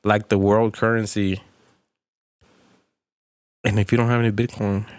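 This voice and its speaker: A man talks in a low voice, rambling and trailing off as he thinks aloud on a podcast. His delivery is loose and hesitant, with plenty of fillers. The sound is dry and close. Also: level tone, a little slow, no room sound. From Texas. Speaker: podcast co-host. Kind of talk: casual chat.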